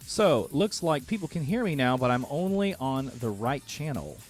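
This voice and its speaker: A male host talks casually at a middle pitch, sorting out his audio as he goes. His voice sits entirely in the right channel, so it reaches only one ear. Faint music plays behind him. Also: sing-song, moderate pace. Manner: apologetic, fiddling with his audio setup. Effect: voice heard in the right ear only. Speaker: show host. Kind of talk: casual live-stream chat.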